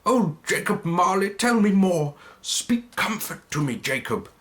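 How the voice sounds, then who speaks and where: A frightened old miser pleads in a trembling voice, as a man puts him on. His voice rises high and strained, with lively swings, at an unhurried storybook pace. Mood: imploring.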